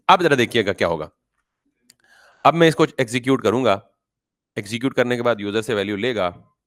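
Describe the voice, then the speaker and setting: Man, programming teacher, classroom lesson, asks and answers his own questions, everyday examples. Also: mid-range voice. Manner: explains with everyday examples, mixes in English terms. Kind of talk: classroom-style coding lesson.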